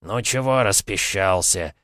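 A man's voice: sits low, steady tone, moderate pace, a bit bright, no echo, studio quality. A man voicing an arrogant male falcon god who speaks down to others, in an audiobook. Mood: haughty. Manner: haughty, condescending.

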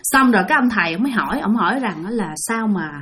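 A woman's voice: mid-range voice, racing, husky. A woman telling a ghost story, speaking directly to her listeners. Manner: animated, addresses listeners directly.

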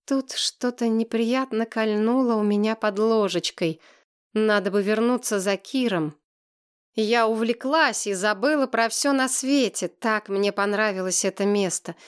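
Lively woman reading a story aloud. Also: a little high, unhurried. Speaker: audiobook narrator. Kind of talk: scripted first-person narration.

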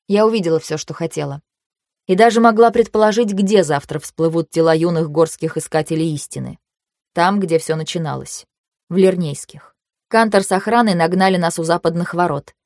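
Woman reading a fantasy book aloud, low steady voice, super dry recording. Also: no echo. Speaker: audiobook narrator. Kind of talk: first-person fantasy narration.

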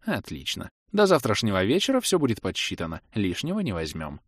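A man's voice: fairly low pitch, wildly swooping pitch, a little fast, husky, dry recording, studio quality, exaggerated voice. A man voicing a stern, commanding noblewoman who speaks sharply and hisses.

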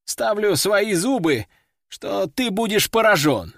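A man voicing a cheeky young male demonologist hero, cocky and deadpan. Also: high-pitched, takes it slowly, gravelly, no echo, studio quality, voice pushed up, heavily acted.

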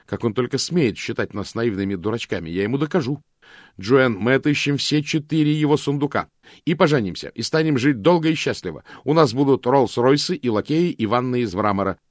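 Brief: male narrator doing an eager young fiancée, raised pitch, impatient, audiobook. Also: lively intonation, brisk, no echo, studio quality, natural voice. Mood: excited. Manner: eager, breathless pleading.

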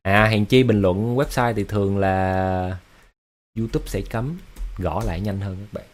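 A man chats to viewers on a livestream. His voice sits a little low. He explains things loosely, full of fillers and restarts. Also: unhurried, faint music behind. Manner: chatty and explanatory, with many fillers and repeated words. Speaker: livestream host. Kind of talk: casual livestream chat with viewers.

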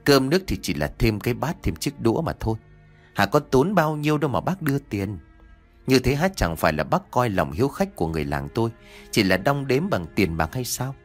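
A man's voice: medium pitch, sing-song, brisk, soft background music. A man voicing an older village chief in an audio story, speaking humbly and earnestly. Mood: remorseful. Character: older male village chief, kind, remorseful.

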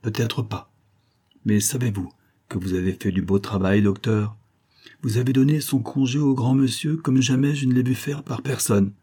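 A man's voice: mid-range voice, steady tone, normal speed, mellow, husky, voice pushed up. A man voicing a plain-spoken, wry male companion in an audiobook. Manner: casual, wry.

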